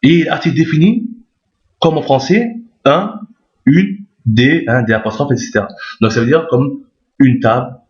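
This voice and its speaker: A man's voice: medium pitch, moderate pace. A man teaching Arabic reading step by step, patiently repeating each point and often checking that listeners follow. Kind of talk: step-by-step lesson explaining letters on screen. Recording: roomy, dull lo-fi recording.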